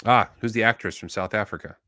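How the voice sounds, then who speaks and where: Low-voiced rambling man in a dry room. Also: quick pace, pushed and bright, no echo. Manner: rambling, easygoing, many fillers. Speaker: co-host of a knife show. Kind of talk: casual chat.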